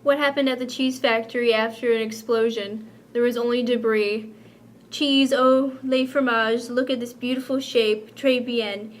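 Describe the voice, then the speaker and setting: A woman's voice: steady tone, moderate pace, lightly acted. A woman voicing a gushing cheese-commercial announcer with French flair in a school skit. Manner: gushing, theatrical sales pitch.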